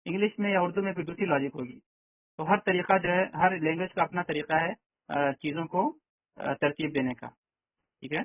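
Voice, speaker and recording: This Arabic teacher's voice sits a little high as he leads an online language class. He works through the material step by step and keeps asking whether students understand, over thin, tinny, dry call audio.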